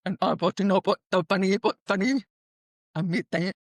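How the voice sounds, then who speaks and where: A woman's voice: medium pitch, no room sound. Earnest deaf woman guest on a call. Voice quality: deaf speech, her hearing profoundly impaired from birth. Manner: halting non-standard phrasing, earnest. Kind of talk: interview answers.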